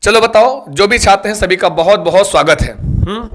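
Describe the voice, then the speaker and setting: A man's voice: high voice, normal speed, fairly bright tone, a little hiss or hum. A man teaching a live online exam-prep class, quizzing students and coaxing them over and over to like and share. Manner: repetitive, coaxing.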